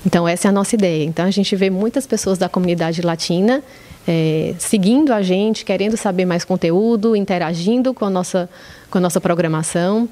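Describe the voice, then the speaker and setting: A woman's voice: on the low side, fairly quick, dark tone. A woman in her late thirties with a Brazilian accent, answering conversationally as a podcast guest. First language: Portuguese. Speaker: podcast guest, social media coordinator.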